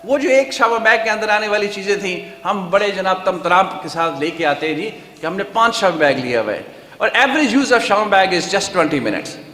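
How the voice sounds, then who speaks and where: A man with a high, bright, forceful voice gives a seminar talk to researchers in a lecture hall. He speaks conversationally and often slips into English phrases. The sound rings with long hall reverb. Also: expressive. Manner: conversational, tells anecdotes, asks rhetorical questions.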